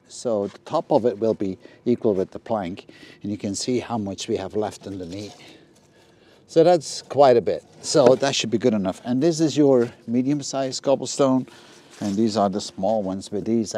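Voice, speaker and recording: A middle-aged man casually explaining a DIY renovation step by step while working outdoors, practical and a little halting with ums and uhs. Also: on the low side, warm tone. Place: outdoors in a garden yard.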